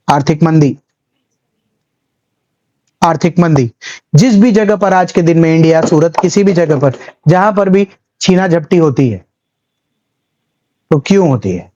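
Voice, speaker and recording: A man's voice: a little high, darkish tone, muffled recording. A man teaching history in a chatty lecture, telling little stories and mixing English terms into his talk. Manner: chatty storytelling, acts out little scenes; mixes English terms into speech. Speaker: civil services exam history teacher. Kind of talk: classroom lecture.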